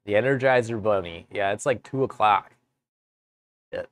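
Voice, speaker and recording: A man streaming live from his woodworking shop, chatting casually with viewers in a relaxed, rambling way. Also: fairly low pitch, moderate pace, dry recording. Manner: relaxed, rambling, chats with viewers between tasks. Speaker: woodworking livestreamer. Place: home workshop.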